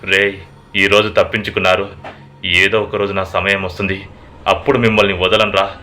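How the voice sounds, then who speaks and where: A vicious fiery female ghost growls her threats in a horror story, as a man puts her on. The voice sits low, with a sharp, forceful edge. Every line comes slow and menacing. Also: little pitch movement, a little hiss or hum. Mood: vengeful.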